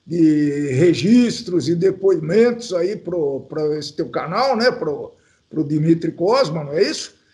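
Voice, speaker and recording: Older Brazilian man, high for a man. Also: expressive, a little slow, mellow. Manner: chatty, rambling, reminiscing. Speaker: podcast guest. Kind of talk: casual podcast chat.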